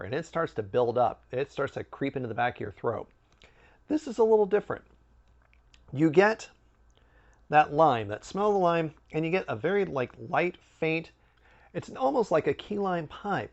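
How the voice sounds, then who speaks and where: Male food review host, slightly high voice, very lively casual delivery, muffled recording. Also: gravelly.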